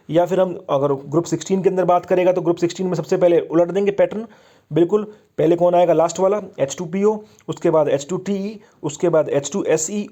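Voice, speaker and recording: Male chemistry teacher, mellow and fairly high voice, quizzes himself as he explains. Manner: explains step by step, asks and answers own questions. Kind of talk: exam-prep lesson.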